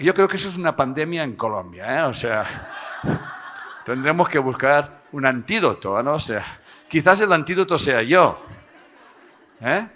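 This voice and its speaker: A man gives a live talk to an audience, animated and joking, often tagging his sentences with a questioning "eh?". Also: a little high. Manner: animated, tags phrases with "¿eh?" and jokes with the audience. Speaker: speaker giving a seminar.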